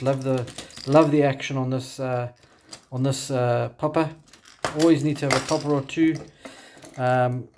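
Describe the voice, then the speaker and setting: A South African man with a broad accent talks through his kit in a medium-pitched voice. He speaks off the cuff as an angler would on a casual vlog, feeling his way through sentences with halting phrasing. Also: darkish tone, a little hiss or hum. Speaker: kayak angler presenting his gear. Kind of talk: casual unscripted show-and-tell.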